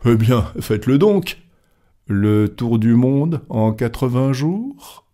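A man voicing an excitable gentleman card player who exclaims his doubts with agitation. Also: medium pitch, takes it slowly, pitched above the performer's own voice. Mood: agitated.

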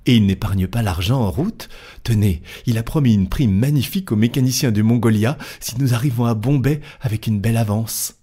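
A man voicing a chatty, excitable young French manservant in an audiobook, talking eagerly and fast. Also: on the low side, slightly rough, pitched above the performer's own voice. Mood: excited. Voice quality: eager, quick, talkative. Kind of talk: audiobook character voice.

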